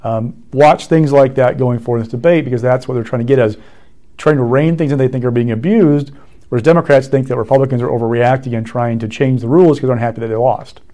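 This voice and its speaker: A man's voice: medium pitch, quick pace, dark tone. A male political reporter giving analysis on a talk show, explaining plainly and speeding up through lists.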